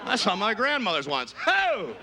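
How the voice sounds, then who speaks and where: A man doing a stand-up comedy routine, jumping into loud high-pitched voices when he quotes people. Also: wildly swooping pitch, moderate pace, crowd noise, background noise. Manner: shouts high falsetto quotes of other people.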